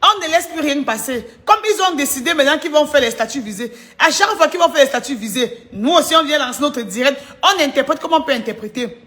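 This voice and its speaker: A woman's voice: sits high, expressive, quick pace, few pauses, a bit bright. A woman doing mocking gossip commentary on a live stream, teasing and laughing as she chats to viewers. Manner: teasing, laughing often, chatty asides to viewers.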